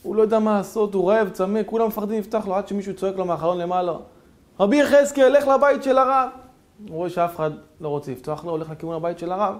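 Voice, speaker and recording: A man preaching as a rabbi, with a high voice. He tells the story theatrically, dropping to a hush and then surging loud. His phrasing is that of a lively congregational sermon. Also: few pauses. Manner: animated, theatrical storytelling with sudden swings in loudness.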